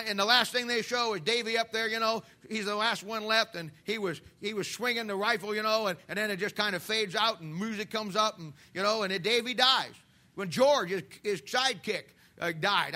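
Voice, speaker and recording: A man's voice: high voice, sharp tone. A man in his fifties preaching a sermon in church, impassioned and folksy, with repeated phrases and homespun asides. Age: 50s. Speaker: pastor.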